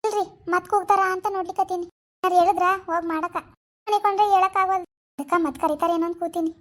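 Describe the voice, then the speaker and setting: A woman's voice: very high voice, fairly even intonation, quick pace. A woman voicing a tired young daughter-in-law in a cartoon, polite and weary as she lists her chores. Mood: complaining.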